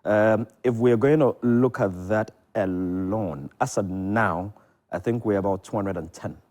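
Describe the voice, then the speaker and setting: In a television studio, a man with a Ghanaian accent answers interview questions as a theatre producer and director. His fairly low, darkish voice stays conversational and unhurried.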